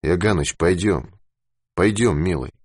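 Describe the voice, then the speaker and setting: A man's voice: sits low, measured pace, husky, no echo, studio quality. A man voicing a sluggish, exhausted adult male explorer in an audiobook. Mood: weary. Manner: sluggish, weary.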